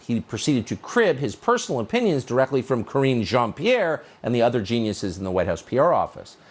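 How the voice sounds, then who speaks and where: A middle-aged man hosting a news show, delivering an opinion monologue in a sarcastic, mocking, incredulous way. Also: medium pitch. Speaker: host.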